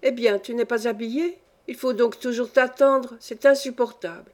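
A woman's voice: on the high side, fairly even intonation, normal speed, a little mellow, lightly acted. A woman putting on a peevish old countess. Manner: peevish, commanding, querulous. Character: imperious capricious old countess, scolding, fussy.

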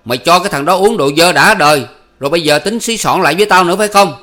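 Male narrator playing a gruff gang boss, growling and menacing, audiobook. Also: medium pitch, steady tone, unhurried, lightly acted. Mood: roaring. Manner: gruff, growling, loud threats. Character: hot-tempered outlaw boss, gruff and menacing.

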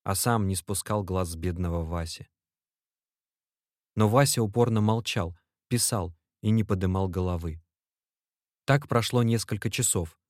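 Brief: male narrator, fairly low voice, measured literary reading, very dry close sound. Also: a little mellow, dry recording. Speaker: audiobook narrator.

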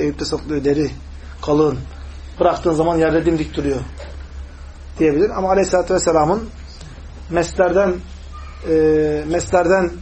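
A man's voice: fairly high pitch, darkish tone, slight background noise, low-quality recording. A man teaching a hadith lesson, explaining step by step, asking his class questions, and reciting Arabic passages. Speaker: religious teacher.

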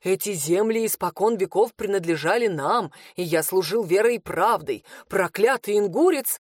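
A man's voice: high-pitched, animated, normal speed, dry recording, studio quality. A woman reading an audiobook voices an aging male estate steward who protests his loyalty and begs for mercy. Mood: indignant. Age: older.

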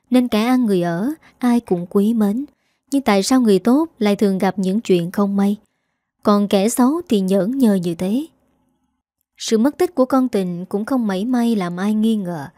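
A woman narrating a dramatic scripted story in a steady storytelling manner. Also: mid-range voice, moderate pace, no room sound, clean studio sound.

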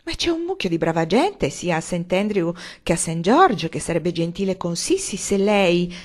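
Earnest young woman, measured, gentle, woman narrator voicing her. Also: fairly low pitch, big pitch swings.

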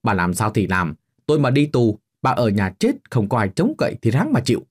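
A man's voice: medium pitch, sing-song, fairly quick, husky. A man voicing a rude, hot-tempered grown son who snaps at his mother with contempt, in a storybook reading. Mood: irritated. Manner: snapping, contemptuous. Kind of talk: storybook narration with voiced characters.

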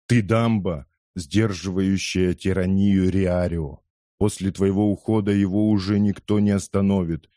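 An insistent conspirator presses his case in a low, mellow voice, as a man reads him in an audiobook. He talks steadily and persuasively, and the sound is dry and close. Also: no room sound. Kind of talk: audiobook character voice.

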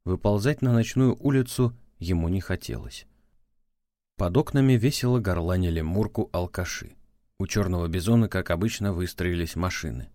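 A man narrating an audiobook in a steady, measured storytelling manner. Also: sits low, no room sound, studio quality.

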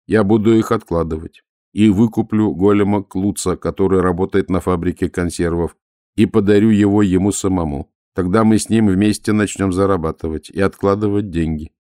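A man voicing a calm, polite male golem who speaks in an even, measured way. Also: low voice, no echo, clean studio sound, close to an everyday voice. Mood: calm earnest.

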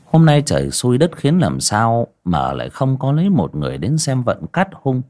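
A man narrating a folk tale, animated and voicing every character. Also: medium pitch, moderate pace. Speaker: storyteller.

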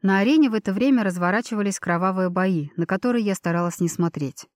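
A woman reading a first-person fantasy novel as a steady audiobook narrator, voicing the dialogue with small lifts. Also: mid-range voice, fast, dry recording, studio quality.

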